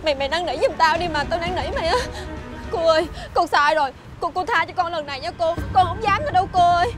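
Actress as fickle young mistress, high and wheedling, over music bed. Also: female voice, very fast. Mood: pleading. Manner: whiny, pleading. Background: background music.

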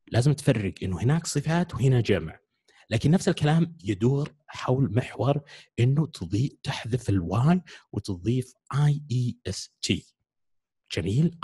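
A man's voice: fairly low pitch, warm tone, husky. A man teaching English grammar step by step, often stopping to ask whether his students follow. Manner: explains step by step, often checks understanding with quick questions. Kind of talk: classroom grammar lesson.

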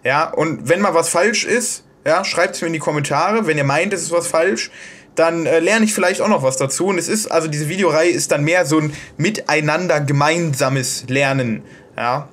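A man's voice: a little high, moderate pace, a bit bright. A man from Germany explaining pronunciation in a casual, hesitant tutorial, with many fillers and restarts. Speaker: video host explaining Japanese pronunciation. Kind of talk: casual self-made tutorial.

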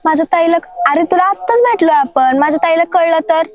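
A woman's voice: very high-pitched, brisk. A young woman playing a worried, scolding schoolgirl in a comedy sketch. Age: teens. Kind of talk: acted comedy sketch dialogue.

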